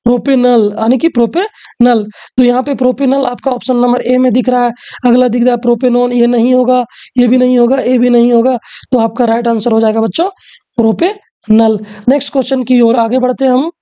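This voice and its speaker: A woman's voice: fairly high pitch, level tone, fairly quick, mellow. A woman teacher, walking through exam questions and often asking the students rhetorical questions.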